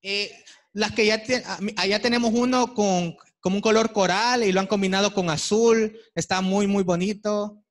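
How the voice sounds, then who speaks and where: A man's voice: sits high, fairly even intonation, moderate pace. A man leading a hands-on dyeing workshop, encouraging the group and pointing out the dyed pieces they hold up. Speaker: workshop instructor. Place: workshop room with attendees.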